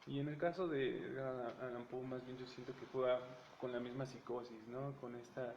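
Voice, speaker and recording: A man's voice: medium pitch, fairly even intonation, moderate pace, a little mellow, a little hiss or hum. Man co-host, rambling book chat, dull echoey recording. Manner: rambling, tag questions, searches for words.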